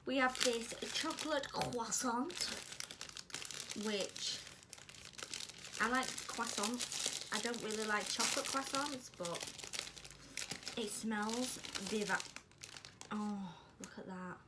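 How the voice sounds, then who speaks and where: A British woman from the United Kingdom, her voice a little high, talks slowly and pauses often as she tries snacks on her vlog. The recording is very noisy, and she chats between bites with self-mocking humor.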